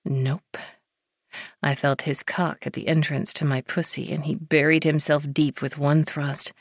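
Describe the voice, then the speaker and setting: A woman narrating a first-person romance audiobook in an intimate, measured reading. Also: low voice, level tone, dry recording.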